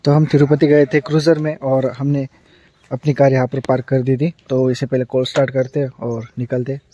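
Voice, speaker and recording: A man's voice: mid-range voice, level tone, normal speed, muffled recording. A man from Latur in Maharashtra, India, narrating his travel vlog in a casual, chatty way, explaining each stop as he goes. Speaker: travel vlogger. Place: on the road and outdoors in a village. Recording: music playing under the voice.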